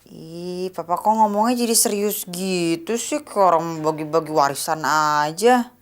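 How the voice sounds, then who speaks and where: An actress playing a young university student who is spoiled, sharp-tongued and whiny. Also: female voice, on the low side, unhurried, close to an everyday voice. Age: young adult. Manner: snappy, whiny, casual slang.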